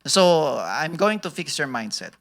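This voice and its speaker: A man's voice: a little high, big pitch swings, measured pace, fairly bright tone. A man giving a sermon-style talk to an audience, joking and laughing at his own jokes, quizzing listeners and mixing Tagalog with English. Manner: switches between Tagalog and English mid-sentence. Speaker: church speaker at a business talk.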